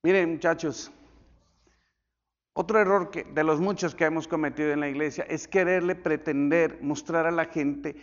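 A male pastor telling stories in a sermon, swinging from loud, high bursts to hushed, near-whispered lines. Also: normal speed. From Colombia. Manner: animated storytelling with sudden drops to near whisper. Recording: dull echoey church hall.

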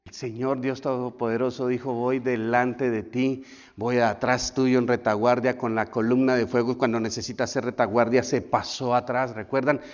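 A man preaching a sermon as pastor, swinging between loud shouts and hushed lines. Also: medium pitch, level tone, moderate pace, in a large hall, lo-fi sound. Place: church.

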